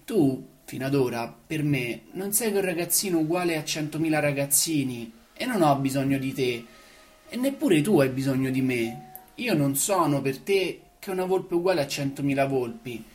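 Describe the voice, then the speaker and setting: A woman's voice: sits low, lively intonation, moderate pace. A woman voicing a wise, wistful fox who longs to be tamed, speaking earnestly and explaining. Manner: earnest, explaining, a little louder.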